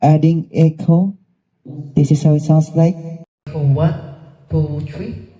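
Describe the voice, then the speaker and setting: A man's voice: a little high, steady tone, warm tone, muffled recording. Man testing a karaoke mic with echo. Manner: repeats test words and counts slowly into the mic. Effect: karaoke microphone echo.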